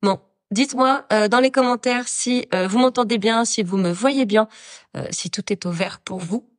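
A woman's voice: on the high side, normal speed. A woman with a nasal voice, stuffed up with a cold and sore throat, talking casually and hesitantly as she hosts a livestream for her followers. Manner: informal, hesitant, talking off the cuff. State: sick with a cold, congested nose, sore throat. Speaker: podcast host and productivity coach.

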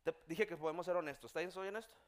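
A man preaching a sermon as pastor, building from hushed storytelling to shouted emphasis. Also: fairly high pitch, rapid-fire.

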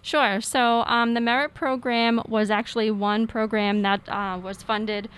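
Female radio interview guest, crisp clean voice, conversational answers. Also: a little high, fairly even intonation, a little slow, fairly bright tone, dry recording. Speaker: interview guest, nonprofit program worker. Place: radio studio.

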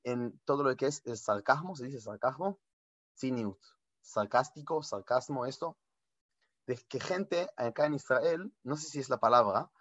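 A man giving an informal spiritual talk as a rabbi, lively and animated, often correcting himself and mixing in Hebrew words. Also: medium pitch, no room sound, highs cut off.

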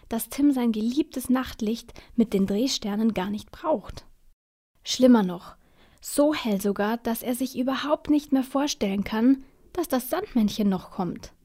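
Soft-spoken woman reading a bedtime story. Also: on the high side, husky. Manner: soft, hushed, half-whispered.

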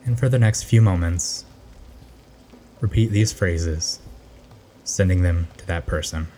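This meditation guide is a man whose voice is low-pitched and warmly dark. He speaks softly and slowly, and a faint background noise can be heard.

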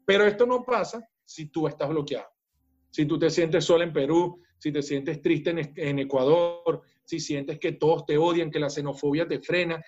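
A man's voice: fairly high pitch, darkish tone, muffled recording. A man with a Venezuelan accent, a business coach speaking in a podcast interview, emphatic and talking straight to the listener.

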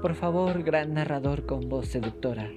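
A man's voice: on the high side, normal speed, music in the background, voice pushed up, close to an everyday voice. A man voicing a curious, polite little boy asking naive, eager questions in a scripted educational dialogue.

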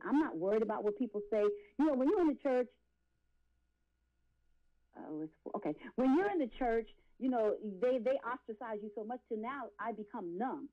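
This interview guest, an R&B and gospel singer in her late forties, has a mid-range voice captured in a muffled recording. Her testimony comes out impassioned and preachy, stressed heavily and punctuated by repeated phrases.

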